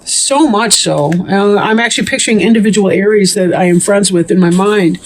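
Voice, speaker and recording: A woman giving a casual tarot reading to camera, chatty and meandering, clearing her throat often and a bit short of breath. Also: mid-range voice, moderate pace, slight background noise. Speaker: tarot reader.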